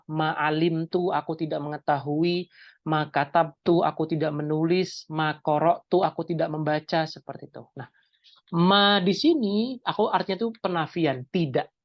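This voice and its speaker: A man's voice: fairly high pitch, normal speed, dry recording, dull audio. A male Islamic teacher giving an online Arabic grammar class, explaining step by step and asking and answering his own questions.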